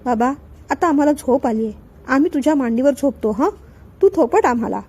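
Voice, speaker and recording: Woman voicing a pouty little storybook girl, high and mellow. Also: brisk, breathy edge. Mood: sulky. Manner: childish pouting talk. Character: bossy little girl, playful and sulky.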